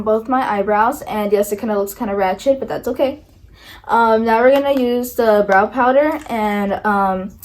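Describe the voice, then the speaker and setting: A woman's voice: a little high, darkish tone, poor audio. A young woman talking casually and nervously through a makeup tutorial, filling her talk with likes and ums. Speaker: beauty vlogger.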